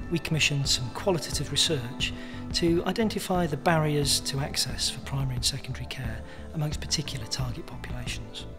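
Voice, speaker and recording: A man speaking as a charity spokesperson, formally explaining research findings. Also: medium pitch. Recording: soft music bed behind the voice.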